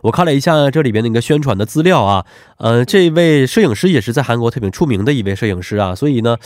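A male radio host speaks with a clearly stuffed-up, nasal voice, as if congested from allergies. His intonation is lively and his manner polite and attentive as he interviews. The sound is dry and close. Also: medium pitch, fast talker. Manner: polite, attentive, echoes answers back. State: allergic rhinitis.

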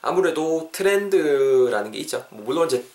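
A man teaching English phrases in a podcast lesson, chatting and encouraging listeners, slowing down to drill each phrase. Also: fairly high pitch, expressive, a little mellow. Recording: roomy echo.

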